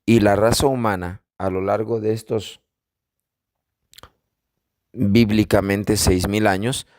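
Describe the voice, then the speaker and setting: Man, informal religious teaching, lowish voice, emphatic repetition. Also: darkish tone, no echo, studio quality. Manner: emphatic, repeats phrases for stress.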